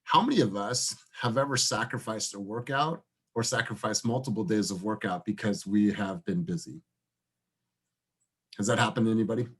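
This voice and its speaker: A man with a low voice runs a relaxed team meeting on a video call. He talks casually and turns to each person by name, cheering them on. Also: normal speed, husky. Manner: encouraging, asks people by name. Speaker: team leader. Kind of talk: casual group meeting chat.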